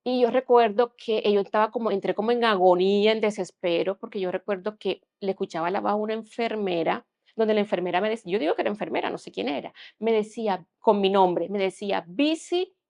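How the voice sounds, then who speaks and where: A young woman recounts a hard personal experience in earnest conversation as a podcast guest. Her voice has a gravelly, creaky edge and sits at a middle pitch. She often drops to a hushed tone. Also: fast talker.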